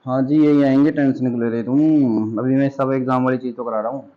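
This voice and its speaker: A man's voice: medium pitch, steady tone, a little fast, highs cut off. A man teaching English grammar to students in a classroom, patient and explaining step by step. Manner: patient, addresses students as beta.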